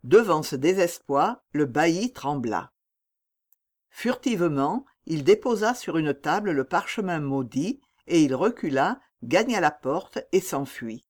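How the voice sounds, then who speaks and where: A man narrating a classic novel as an audiobook, with a measured, dramatic reading. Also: on the high side, very animated.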